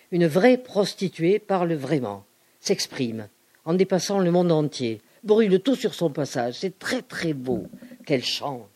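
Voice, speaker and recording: A woman giving an expressive, outspoken dramatic reading of letters. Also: deep voice. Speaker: reader.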